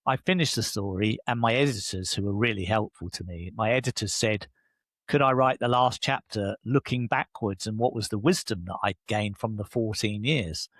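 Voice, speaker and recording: A man in his 60s, a leadership coach appearing as an interview guest, talks casually and with enthusiasm, his pitch jumping animatedly as he keeps affirming with "yeah." He speaks at normal speed, and the recording is studio quality with no echo.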